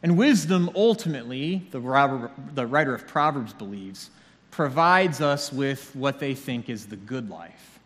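A man's voice: mid-range voice, expressive, a little slow, fairly bright tone. A man preaching a sermon as a pastor, talking conversationally with dry humor. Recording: long reverb of a large hall.

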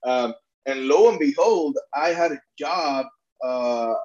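A man's voice: fairly high pitch, slow pace, a little mellow, dull audio. A middle-aged man from Puerto Rico, an immigration attorney and advocate, telling his story in an earnest interview with many restarts. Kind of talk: conversational interview.

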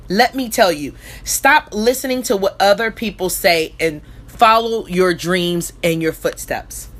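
A woman's voice: fairly high pitch, a bit bright. A woman coach giving an emphatic, exhorting motivational speech with repeated refrains. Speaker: motivational coach and show host.

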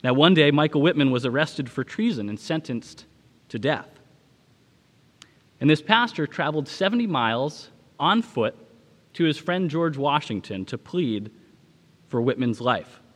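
A man delivering a sermon as a pastor, speaking in a measured, preaching manner with dramatic pauses. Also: a little high, expressive, fairly bright tone, long reverb tail.

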